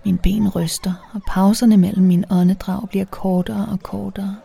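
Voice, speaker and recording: A woman narrating a first-person erotic story in a soft, intimate voice that often slips into a whisper. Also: mid-range voice, flat delivery, gravelly, husky.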